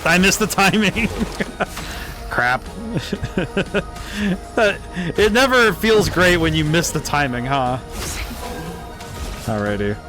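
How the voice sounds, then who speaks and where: A man's voice: fairly high pitch, sing-song, extremely slow, long pauses. A man giving casual live game commentary as a streamer, enthusiastic and thinking aloud. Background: game music.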